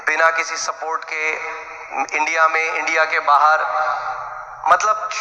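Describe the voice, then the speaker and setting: A man's voice: a little high, monotone, unhurried, sharp tone. A man preaching a sermon as pastor, blunt and direct, calling out questions to the congregation. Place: church hall. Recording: echoey hall, long reverb.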